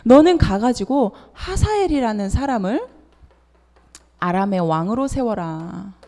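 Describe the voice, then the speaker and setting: A woman's voice: on the high side, expressive, measured pace, dark tone. A woman preacher voicing God as he gives firm orders to a prophet, heard in a reverberant church hall. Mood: firm command. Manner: commanding, firm.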